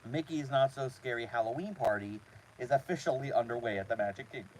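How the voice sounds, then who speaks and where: Man, live-stream host, casual halting talk, repeated words, medium pitch, inside a small trailer, faint background noise. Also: darkish tone, poor audio.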